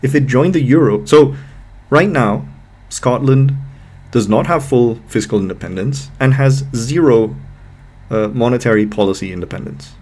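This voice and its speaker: A man commenting on a video clip, exasperated and sarcastic, swearing and slowing down to hammer his points. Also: medium pitch, a little mellow. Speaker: political commentator.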